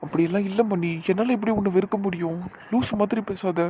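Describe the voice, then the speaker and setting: A man's voice: high voice, fast talker, mellow, slight background noise, lightly acted. A man playing a patient, soothing young man. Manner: soothing, reassuring, lightly scolding. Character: gentle, patient young man comforting a girl.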